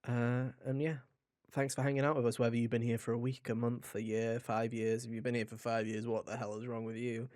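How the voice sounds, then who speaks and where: A podcast host chats casually and close to the mic, joking in a mock-dramatic way. His medium-pitched voice moves little in pitch, runs fairly quick, sounds a little mellow and has no echo.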